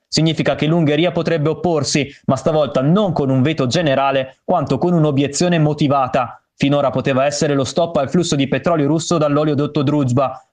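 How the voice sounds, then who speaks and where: Male radio correspondent with a slightly high voice, reading a prepared news report.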